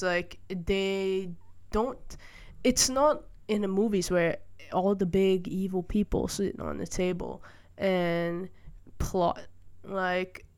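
A young woman from Malaysia, hosting her own podcast, speaks in a mid-range, slightly mellow voice. She reflects on her views in a casual solo monologue, tentative and peppered with fillers and restarts, from a room by a window with rain outside.

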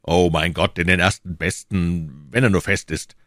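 A man's voice: very deep voice, steady tone, normal speed, no echo, clean studio sound. A man reading an audiobook, voicing a stern, indifferent police commissioner who questions a prisoner. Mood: cold, stern. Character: cold, suspicious male police commissioner, middle-aged.

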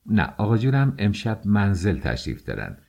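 A man reading an audiobook, voicing a calm, scheming young married woman who speaks firmly and coaxingly. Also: lowish voice, vocal fry, exaggerated voice. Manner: firm, coaxing.

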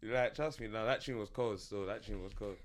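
A man's voice: on the low side, fairly quick, a loud crowd. A man with a London roadman accent in casual podcast chat, slangy and repetitive, often checking that he is being followed. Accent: London, urban roadman slang. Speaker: podcast host.

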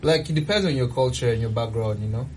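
A man's voice: mid-range voice, fast, a little mellow, a little hiss or hum. A young man chatting casually in a group, easygoing and laughing along.

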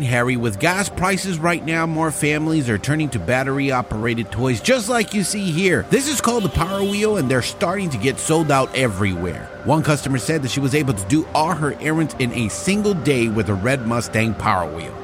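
A man's voice: medium pitch, big pitch swings, moderate pace, few pauses, over music, lightly acted. A man playing an earnest on-the-scene TV news reporter in a parody news report. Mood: earnest, upbeat.

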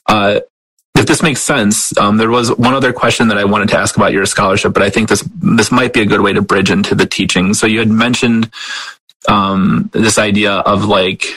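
Male host, lowish husky voice, halting and nervous-laughing, dry close sound. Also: fairly bright tone, no room sound, rough recording. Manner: hesitant, many fillers, nervous laughs. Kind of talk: conversational interview.

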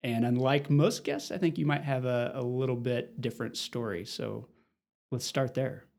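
A man's voice: mid-range voice, steady tone, normal speed, gravelly, darkish tone. A man hosting an interview podcast, asking questions in a friendly, conversational way. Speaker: podcast host. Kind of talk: casual interview.

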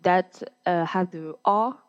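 A young woman from Côte d'Ivoire, whose first language is French, is a guest in a casual interview chat. She sounds hesitant, with many pauses and fillers, and her voice is lowish; the recording is dull lo-fi audio.

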